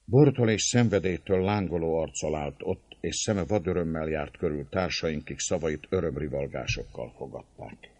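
A man narrating an audiobook in an expressive storytelling manner. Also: extremely low pitch, hardly any pauses, breathy edge, no echo, highs cut off. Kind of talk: audiobook narration of a historical novel.

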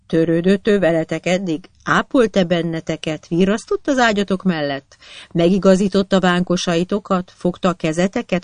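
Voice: medium pitch, no room sound, natural voice. A narrator voicing a pleading young woman doctor. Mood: indignant. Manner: pleading, insistent. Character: earnest young woman doctor, devoted and patient. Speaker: hospital doctor.

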